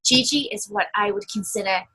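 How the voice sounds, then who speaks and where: A woman's voice: mid-range voice, a little fast, bright, forceful tone, slightly rough. An American woman co-hosting a casual chat show and talking in an emphatic way. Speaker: podcast co-host.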